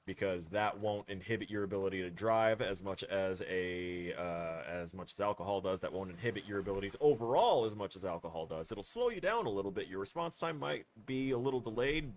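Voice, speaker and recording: Blunt, low-voiced male game streamer. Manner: blunt and firm, rambling with fillers. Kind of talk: casual livestream chat. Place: home room.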